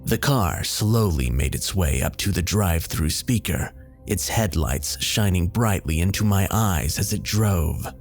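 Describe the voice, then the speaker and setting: A man reads a scary story in a lowish, expressive voice that rises and falls a lot. He keeps a measured storyteller's pace, with faint music playing underneath. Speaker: horror story narrator. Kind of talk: scripted narration.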